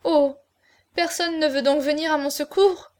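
A woman's voice: sits high, steady tone, a little slow, darkish tone, pitched above the performer's own voice. A woman reading aloud, voicing an anguished, proud young woman with an intense manner in an audiobook. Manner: intense, pleading then haughty.

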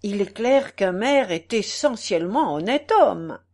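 A woman's voice: mid-range voice, expressive, measured pace, a little mellow. Woman reading as a dry, ironic male wit. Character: witty ironic male writer.

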